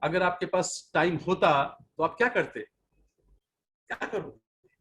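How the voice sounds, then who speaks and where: A man in his fifties delivers a motivational talk to a room of listeners in a notably high voice. He hammers his points home by repeating phrases again and again. He lectures his team directly, in a preachy and scolding tone. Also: moderate pace, fairly bright tone. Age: 50s. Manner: emphatic, repeats key phrases over and over. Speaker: network marketing team leader.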